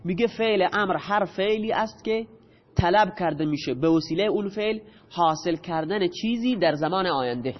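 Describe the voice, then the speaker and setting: High-voiced man teaching in an echoey hall. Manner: explains step by step, quizzes students with questions. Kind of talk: classroom grammar lesson. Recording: dull audio with long hall reverb.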